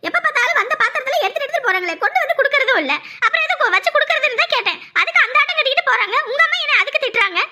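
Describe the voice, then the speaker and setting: A woman's voice: very high-pitched, animated, very fast, few pauses, bright, forceful tone, pitched above the performer's own voice, full character voice. Woman voicing an upset young cartoon daughter-in-law. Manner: upset, protesting.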